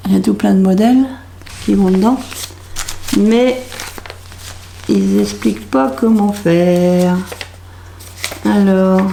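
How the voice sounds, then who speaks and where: A French woman from France, a craft vlogger, mutters to herself as she tries out a label maker, sounding hesitant and puzzled. Her voice is mid-range, creaky and darkish in tone, with slight background noise behind it.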